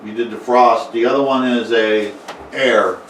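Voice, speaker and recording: A man runs a home tabletop game, narrating in a halting way, full of fillers and false starts. His voice is of middling pitch. It sounds distant and roomy, with a faint hiss of noise underneath. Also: steady tone, fairly bright tone. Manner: halting, many fillers and restarts. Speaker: game master. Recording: echoey room, mic far off, faint noise.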